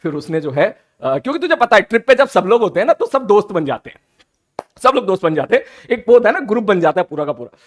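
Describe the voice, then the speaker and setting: A man, telling a funny personal story in a playful, animated, teasing way, like a teacher chatting with his class. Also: high voice, fast. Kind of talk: casual storytelling.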